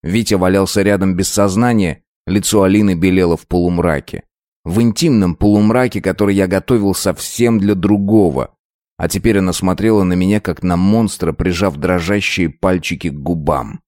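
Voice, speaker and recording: A man narrating a first-person story in a measured, dramatic reading. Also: deep voice, darkish tone, no echo, clean studio sound.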